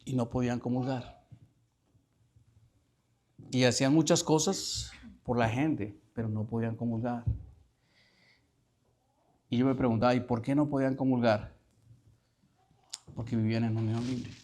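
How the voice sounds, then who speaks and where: A male priest giving a sermon, asking the congregation questions and repeating lines slowly for emphasis. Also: mid-range voice, fairly even intonation, darkish tone. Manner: questioning the listeners, slow emphatic reading.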